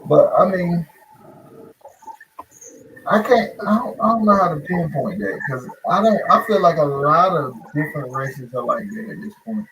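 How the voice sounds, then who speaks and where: A man's voice: fairly high pitch, expressive, moderate pace, background noise. A man in a casual discussion, making his points emphatically and repeating himself as he works them out.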